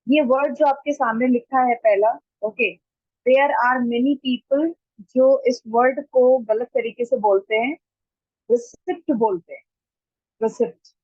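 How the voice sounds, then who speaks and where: A woman teaching pronunciation in an online class. She repeats each word slowly and deliberately, mixing Hindi and as she explains. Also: sits high, no echo, muffled recording. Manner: slow, deliberate repetition of words to model pronunciation. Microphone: computer mic during a screen-shared online class.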